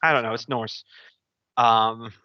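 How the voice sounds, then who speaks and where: A man's voice: medium pitch, fairly even intonation, unhurried, dry recording, muffled recording. A man, running a tabletop game as game master, moving between narration and casual chat. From United States.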